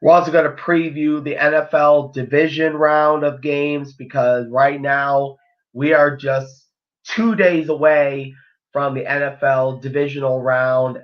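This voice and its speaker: In a muffled recording, a podcast host with a mid-range voice talks through a casual live-stream sports show. His voice is slightly worn from nearly losing it, and his easygoing, rambling talk is full of ums and restarts.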